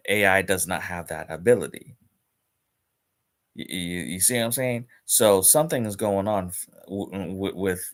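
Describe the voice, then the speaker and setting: Dude ranting on his game stream, kinda low voice, talks slow, keeps repeating himself, got the hiccups. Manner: rambling, repeats words and restarts, emphatic. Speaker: gaming streamer. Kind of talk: casual live-stream rant.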